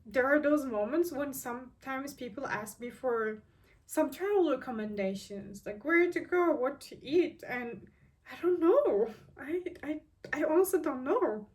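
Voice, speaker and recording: 23 y/o girl vlogging, kinda high voice, mic a bit far off. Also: expressive, a little slow. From Turkey. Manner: earnest, thinks aloud with frequent "like" and restarts. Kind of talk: casual reflective talk to camera.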